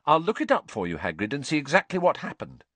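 A man's voice: on the high side, sing-song, fast, fairly bright tone, no echo, voice pushed up. A man voicing an earnest, bookish, supportive schoolgirl in an audiobook. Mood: earnest, reassuring.

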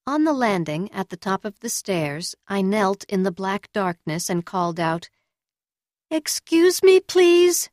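A woman reading a novel aloud in steady, measured scripted narration. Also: medium pitch, dry recording, studio quality. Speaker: audiobook reader.

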